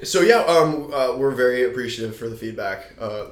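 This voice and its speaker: A man's voice: medium pitch, expressive, a little fast. A slightly drunk man hosting a casual podcast chat in a slangy, loose way. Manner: slangy, sweary. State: a little drunk. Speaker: podcast host. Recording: roomy, echoey space.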